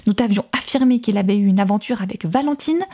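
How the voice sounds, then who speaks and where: A woman's voice: medium pitch, fast, mellow, natural voice. A woman reading the lines of an exasperated young woman who confronts a rival with cutting rhetorical questions, in an audiobook.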